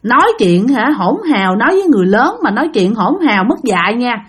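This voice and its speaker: A woman's voice: a little high, sing-song, fast, a bit bright, slightly rough, full character voice. A woman voicing a stern older male exorcist master who scolds and threatens, in a Southern Vietnamese accent. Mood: scolding.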